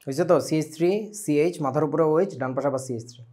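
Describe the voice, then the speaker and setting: A young man with a Bangladeshi Bengali accent leads an online chemistry lesson at a rapid clip. His voice sits a little high, and he keeps tossing questions to his students and slipping English words into his explanations. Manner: lively, asks students questions often, mixes English words. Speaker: chemistry teacher. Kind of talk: online class lecture.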